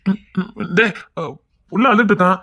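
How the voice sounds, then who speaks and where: An actor voicing a caring, bossy elder brother in a cartoon web series, brisk and insistent, with a Kanyakumari Tamil accent. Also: male voice, high-pitched, fairly even intonation, vocal fry, pushed and bright, full character voice.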